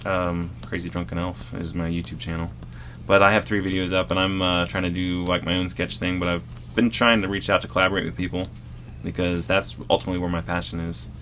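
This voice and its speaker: Man, guest comedian, low voice, bright and forceful tone, rambling casual podcast chat. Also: little pitch movement, quick pace, slight background noise. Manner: rambling, anecdotal storytelling with self-deprecating asides.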